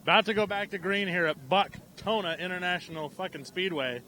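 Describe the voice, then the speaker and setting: A man calling a live race outdoors at an amateur track, irreverent and profane, getting excited as the action builds. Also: high-pitched, brisk, a little hiss or hum. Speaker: race announcer.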